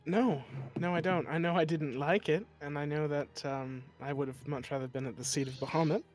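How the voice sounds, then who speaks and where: A man's voice: fairly high pitch, fairly even intonation, fairly quick, darkish tone. A man playing his character in a tabletop game, talking in an earnest, slightly formal way. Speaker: player. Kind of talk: in-character tabletop role-play.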